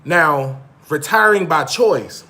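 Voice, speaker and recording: Brief: thirties male vlogger, slightly high voice, blunt street-slang monologue, repeats himself. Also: expressive, slow pace, bright, forceful tone. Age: 30s. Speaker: vlog host. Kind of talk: casual monologue to live viewers.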